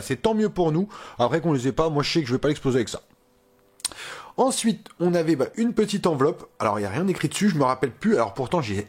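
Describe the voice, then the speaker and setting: A man's voice: mid-range voice, darkish tone, breathy edge. A man with a French accent chatting casually through an unboxing review of a collectible figure, enthusiastic and slangy, joking at himself.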